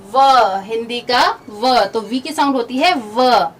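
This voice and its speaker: A woman teacher giving a phonics lesson to children, explaining each letter sound slowly and patiently. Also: on the high side, slightly rough. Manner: slow, drawn-out, patient explaining to kids. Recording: distant mic, faint background noise.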